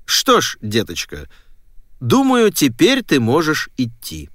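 A man's voice: medium pitch, wildly swooping pitch, slow pace, a bit bright, dry recording, clean studio sound, full character voice. A man voicing a scheming older neighbour who talks in a falsely sweet, coaxing way. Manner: honeyed, coaxing.

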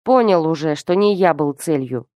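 Woman reading a gruff suspicious old man. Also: low voice, lively intonation, moderate pace, dry recording, lo-fi sound. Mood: angry scolding. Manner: sharp, curt, interrogating.

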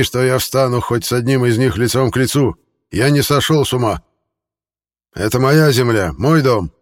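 A man voicing a hoarse, sly, reclusive rancher who mocks and threatens his visitors. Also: mid-range voice, long reverb tail, pitched above the performer's own voice, natural voice. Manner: mocking, drawling, menacing.

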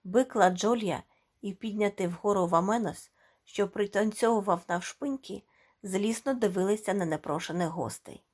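A woman reading a short story aloud as audiobook narration, expressive and dramatic. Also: mid-range voice, moderate pace. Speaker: audiobook reader. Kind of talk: scripted narration.

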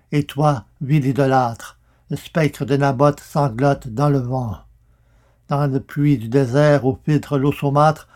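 A man's voice: medium pitch, a little mellow, close to an everyday voice. A man voicing a wrathful old prophet, declaiming curses in solemn, thundering verse.

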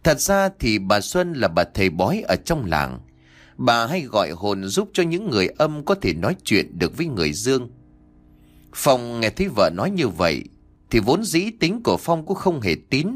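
A man narrating a ghost story in an expressive storytelling manner. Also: mid-range voice, moderate pace. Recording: faint background music.

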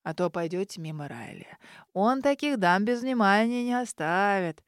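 A woman reading an audiobook, voicing a grumpy, teasing old village man who mumbles slowly and wryly. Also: mid-range voice, animated, no echo, clean studio sound, natural voice. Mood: grumbling, wry. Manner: mumbling, slow and wry. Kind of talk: audiobook character voice.

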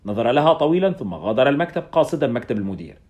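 A man's voice: medium pitch, big pitch swings, rapid-fire, darkish tone, muffled recording. A man reading a first-person story aloud in a scripted audiobook narration.

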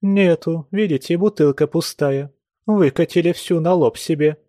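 A man's voice: a little high, normal speed, dark tone, no echo, studio quality, pitched above the performer's own voice, close to an everyday voice. A man reading aloud plays a household maid who grumbles and scolds in a raised voice. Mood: grumbling. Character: grumbling serving woman.

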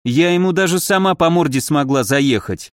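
A man's voice: fairly high pitch, normal speed, dry recording, studio quality, natural voice. A man voicing a naive, indignant young granddaughter in an audiobook. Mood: surprised. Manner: indignant, surprised.

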